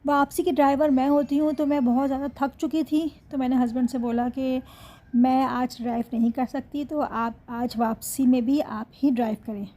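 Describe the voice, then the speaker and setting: A woman's voice: high voice, steady tone, moderate pace, warm tone. A woman, narrating her family vlog chattily and talking to her viewers. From Pakistan. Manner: chatty, laughs often, addresses viewers. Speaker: vlogger.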